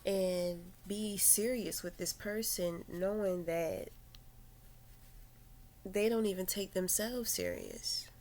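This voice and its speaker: Woman vlogger, slow, halting confessional delivery with fillers and occasional near-whispers. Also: medium pitch, expressive, a little mellow. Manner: reflective, halting, with many fillers and restarts. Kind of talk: personal confessional storytelling.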